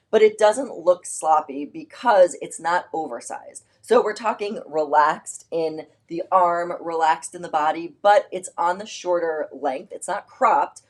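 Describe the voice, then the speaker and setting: A woman's voice: deep voice, darkish tone. A woman hosting a casual live shopping stream, chatty and rambling with lots of fillers as she shows clothes.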